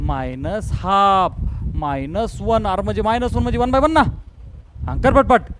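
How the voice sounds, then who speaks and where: A man teaching math in a classroom, drilling students to answer out loud, scolding and joking as he mixes in English terms. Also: very high-pitched, slight background noise, poor audio. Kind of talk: classroom lecture.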